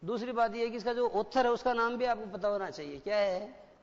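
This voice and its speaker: High-voiced male teacher quizzing his class. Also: fairly quick. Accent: Indian. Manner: explains step by step and keeps quizzing the students. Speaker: English teacher. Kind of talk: classroom lecture in Hindi with English examples. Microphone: satellite broadcast studio. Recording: dull, lo-fi broadcast with long hall reverb.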